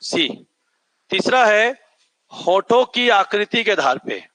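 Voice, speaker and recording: This man teaches a class slowly, his high voice lively in intonation and sharp in tone, captured on a low-quality recording. Every point gets repeated and echoed back by the students, while he draws out vowels to demonstrate their length.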